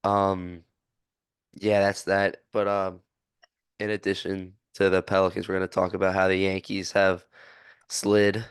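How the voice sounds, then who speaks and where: Brief: man, low flat voice, smooth and dry-sounding, dry wit, sports podcast co-host. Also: normal speed, no room sound. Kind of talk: casual sports chat.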